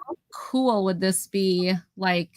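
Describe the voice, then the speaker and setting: A woman's voice: medium pitch, takes it slowly, no room sound. A woman hosting a casual live vintage sale, chatting as she describes each item in detail and counts down the sales. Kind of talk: casual live-stream selling.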